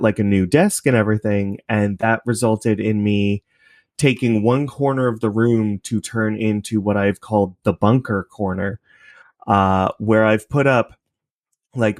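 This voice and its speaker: Sitting at a computer desk in his basement apartment, a Canadian podcast creator muses at length as a casual interview guest. He has a fairly low voice, captured cleanly like a studio recording with no room sound.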